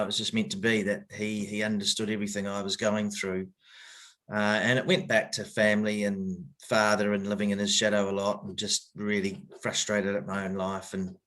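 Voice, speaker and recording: A middle-aged New Zealand man, a cricket coach appearing as a guest on a podcast, tells his story in a voice that sits on the low side with a bit of brightness. He speaks hesitantly, with lots of fillers and restarts, yet comes across as open and reflective.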